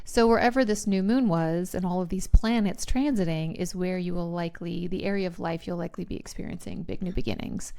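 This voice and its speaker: A woman's voice: lowish voice, brisk, gravelly, few pauses, dark tone, clean tone. A woman with a Texan accent co-hosting a casual podcast, talking through astrology in a chatty way with restarts and easy laughs. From Texas. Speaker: podcast co-host. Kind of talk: casual chat about astrology.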